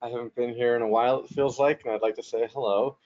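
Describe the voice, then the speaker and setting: Over a video call, a man hosts and moderates a casual webinar, joking and rambling with frequent fillers. His medium-pitched voice is mellow and dark with a steady tone, he talks fast, and the audio sounds slightly muffled.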